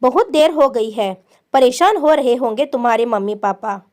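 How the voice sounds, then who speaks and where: A woman's voice: on the high side, animated, moderate pace, a little mellow, close to an everyday voice. A woman voicing an earnest young man. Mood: earnest advice. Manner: earnest, preachy. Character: kind young man lecturing a runaway girl.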